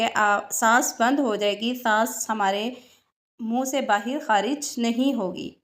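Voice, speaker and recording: A woman teaching Quranic pronunciation, patiently drilling sounds and repeating examples with frequent check-ins. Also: high-pitched. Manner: checks in with "ठीक है" often. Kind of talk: tajweed lesson.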